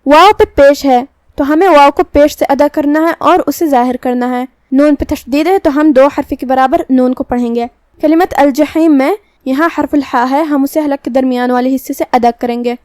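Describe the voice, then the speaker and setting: A woman teaching Quran recitation, explaining the pronunciation of each letter slowly and carefully. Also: high-pitched, darkish tone, no room sound. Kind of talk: Quran recitation lesson in Urdu.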